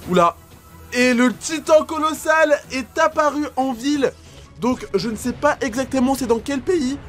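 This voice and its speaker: A man reacting to videos as a YouTuber, giving excited commentary full of exclamations and gasps. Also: very high-pitched, measured pace, soft background music.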